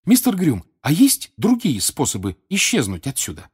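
A man's voice: fairly high pitch, wildly swooping pitch, moderate pace, a little mellow, husky, pitched above the performer's own voice, heavily acted. A man voicing a clever, anxious teenage schoolgirl witch in an audiobook, speaking earnestly and urgently, raised well above his own voice. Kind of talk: audiobook character voice.

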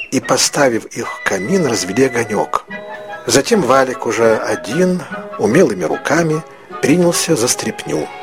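A man reading a literary story aloud as narrator, in a measured, reflective way. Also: medium pitch.

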